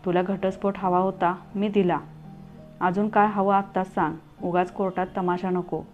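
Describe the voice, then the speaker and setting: A woman's voice: lowish voice, level tone, moderate pace, darkish tone, lightly acted. A woman voicing an angry young husband and father who talks in a harsh, commanding way. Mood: harsh, scolding. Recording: tinny phone-like audio, faint music.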